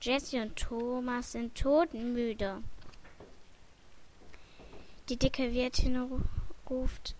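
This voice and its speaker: A woman reading a children's book aloud slowly and carefully, with small slips and restarts. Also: a little high, level tone, a little mellow, a little hiss or hum. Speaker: story reader.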